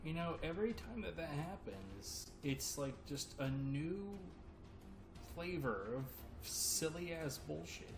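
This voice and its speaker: A man's voice: a little high, animated, slow, gravelly, music in the background. A man live-streaming a game, chatting casually with dry, joking banter and free swearing into a desk microphone. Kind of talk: casual live-stream chat while gaming.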